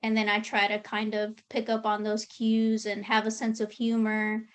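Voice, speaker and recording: A woman's voice: medium pitch, normal speed. A woman talking casually as an interview guest, telling stories and acting out her own thoughts. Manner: relaxed storytelling, acts out her own thoughts.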